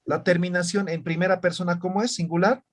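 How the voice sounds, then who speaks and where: A man's voice: sits high, steady tone. A man teaching an online language class, explaining patiently and often checking that students follow. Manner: slow, patient, checks understanding with "¿ya?" and "¿no ve?".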